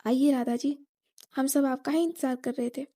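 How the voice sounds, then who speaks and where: A woman's voice: high voice, steady tone, normal speed, warm tone, dry recording, clean studio sound. Woman voicing a cheeky, teasing younger sister.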